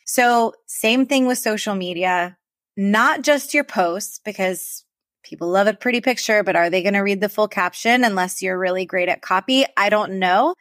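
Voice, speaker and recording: A woman co-hosting a podcast for travel advisors, chatting casually in a rambling, animated way. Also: medium pitch, moderate pace, dry recording, clean studio sound.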